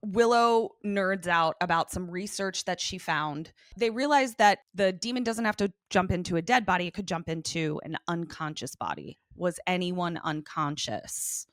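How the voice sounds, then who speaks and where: A woman's voice: on the low side, normal speed, few pauses, no echo, studio quality. A woman co-hosting a podcast, chatting casually and acting out character lines as she recaps. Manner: animated, acts out character lines. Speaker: podcast co-host.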